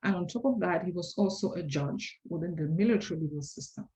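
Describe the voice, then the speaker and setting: Lower-pitched woman. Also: dark tone, low-quality recording. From Cameroon. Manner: measured and reflective, with frequent hesitations. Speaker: compliance consultant, interview guest. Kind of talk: interview answers.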